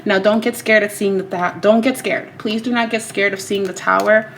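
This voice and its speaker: Her voice is mid-range and steady, moving at a moderate pace over a faint hiss or hum. She is a tarot reader in a home room, repeating herself and stressing points to her viewers as she recovers from a cold.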